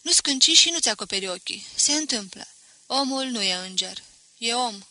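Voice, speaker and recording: A sad, firm young woman, as a female reader puts her on presses her words with urgent pleading. The voice is very bright and sharp, recorded dry and close. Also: on the high side, animated, no room sound. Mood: earnest.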